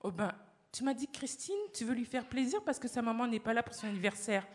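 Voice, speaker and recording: A woman doing a calm, patient mother. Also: on the high side, a little fast, natural voice.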